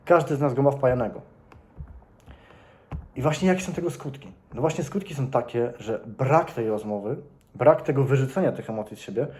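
A man's voice: medium pitch, mellow. A young man giving earnest, casual commentary to his viewers, speaking to them directly and repeating points for emphasis. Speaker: vlogger.

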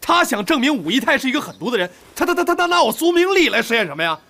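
An actress playing an excitable, slow-witted young woman of the household who stammers when agitated, in a period TV drama. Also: sits low, husky, heavily acted. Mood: flustered. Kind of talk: Chinese period TV drama, dubbed dialogue.

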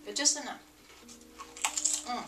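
A woman's voice: a little slow, far from the mic. A young woman reviewing snacks in casual chat, speaking with her mouth full of chip. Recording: roomy sound, mic set back, music behind.

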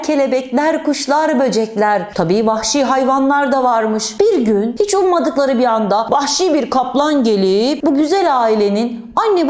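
A woman teacher leads a storytelling lesson for young children. Her voice sits high and she talks with an animated, exaggerated sing-song lilt. The recording has a roomy echo. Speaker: primary school teacher.

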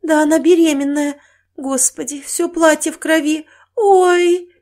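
A kind older countrywoman frets and weeps, her voice lifting high with worry, as a woman narrator plays her. It is an audiobook reading. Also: little pitch movement, moderate pace, natural voice. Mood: frightened. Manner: fretting, tearful exclamations.

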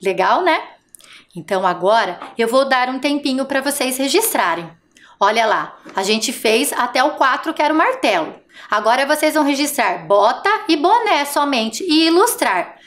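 A woman teaching a televised first-grade lesson, speaking slowly and patiently and sounding out letters and syllables for young children. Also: high-pitched, big pitch swings, a bit bright.

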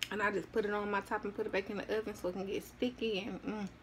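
A woman talks to her viewers with her mouth full, chewing as she goes. Her voice sits at a middle pitch, easy and drawling, recorded close up indoors. A faint hum of room noise sits behind her. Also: flat delivery, fast. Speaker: mukbang vlogger. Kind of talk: casual chat while eating.

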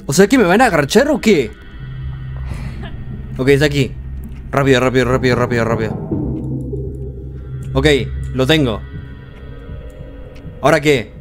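A jumpy young man talks through a horror game. His voice sits at an ordinary middle pitch. He yelps in panic and mutters to himself over faint game music in the background. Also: expressive, moderate pace, long pauses. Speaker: gameplay streamer. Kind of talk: horror gameplay commentary.

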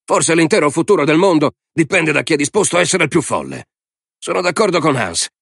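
Man playing a gruff air force general, brash, swearing, raised voice, dry audiobook sound. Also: low voice, brisk, fairly bright tone, dry recording.

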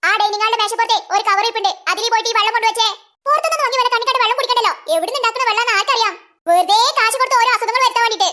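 Brief: a performer doing a nagging cartoon mom, very high and bright, quick scolding delivery. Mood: fussy. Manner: nagging, threatening, fussy Malayalam mother. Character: scolding, bossy village mother of the girls.

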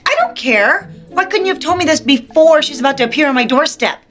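An actress playing a sharp-tongued, jealous wife with sarcastic, quick comebacks, in a TV drama scene with soft music behind. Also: female voice, high voice, expressive. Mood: indignant. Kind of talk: TV drama acting. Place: indoor home dining room.

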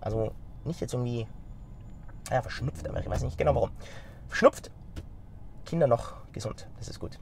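In casual talk to camera from a car stuck in city traffic, a middle-aged vlogger and company founder with a slight stuffy cold speaks directly to viewers, gesturing energetically. His mid-range voice moves at a moderate pace with vocal fry and long pauses. The mounted phone camera picks up a little hiss or hum.

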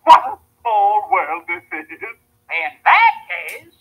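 A woman's voice: medium pitch, wildly swooping pitch, takes it slowly, muffled recording, very noisy. A woman playing an eccentric tea-party host in a sung musical number, theatrical and laughing. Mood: sing-song. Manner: theatrical, sing-song, laughing. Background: clear music.

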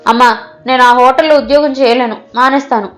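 A woman's voice: high voice, steady tone, brisk, fairly bright tone, soft background music, pitched above the performer's own voice. A woman doing a spoiled, sulky young man. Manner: sulky, wheedling.

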